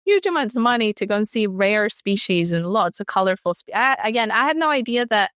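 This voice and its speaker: A woman's voice: mid-range voice, lively intonation, brisk, fairly bright tone, no room sound, studio quality. A woman in her thirties from Ecuador, speaking reflectively as an interview guest, often restarting her sentences. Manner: reflective, frequent restarts and fillers. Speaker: guest, artist. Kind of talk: conversational interview.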